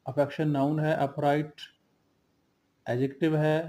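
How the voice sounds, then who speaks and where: Guy teaching words, flat steady delivery, kinda low dark tone, drills lists slowly. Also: poor audio. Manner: slow and steady, drills word lists with brief glosses. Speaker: English teacher. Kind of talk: vocabulary lesson, listing synonyms and antonyms.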